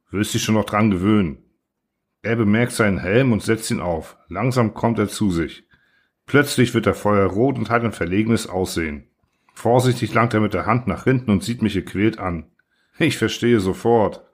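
Male narrator, lowish voice, somber measured literary reading. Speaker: audiobook reader.

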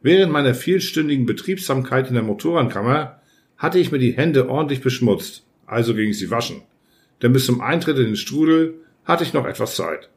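A man narrating an audiobook in the first person, reading in a measured, even way. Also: medium pitch. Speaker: audiobook reader.

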